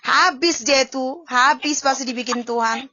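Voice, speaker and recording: An emotional woman pastor chatting casually, her voice high and sharply bright. She speaks of herself by name, and the recording sounds dull and lo-fi with faint noise behind. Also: moderate pace. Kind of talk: casual chat.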